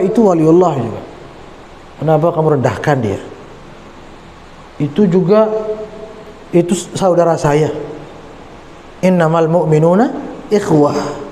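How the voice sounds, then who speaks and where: A man's voice: a little high, warm tone, slight background noise. A man teaching an Islamic study lecture in a prayer hall, telling stories animatedly and acting out the voices in quoted dialogue. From Indonesia. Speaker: religious teacher. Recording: roomy echoing prayer hall.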